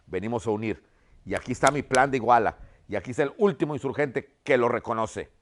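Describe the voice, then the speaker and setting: A man's voice: mid-range voice, a little fast, a little hiss or hum, natural voice. A man voicing a solemn male general who earnestly persuades a rival to make peace. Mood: earnest persuasive. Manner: earnest, persuasive, addresses the other as don.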